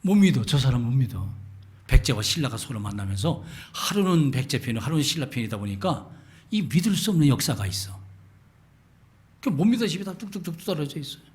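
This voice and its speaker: A man from Gangwon Province preaching a Sunday sermon as pastor, animated, mimicking dialect phrases and sometimes dropping to a whisper. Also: mid-range voice, fairly quick. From Gangwon Province, Korea. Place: church sanctuary.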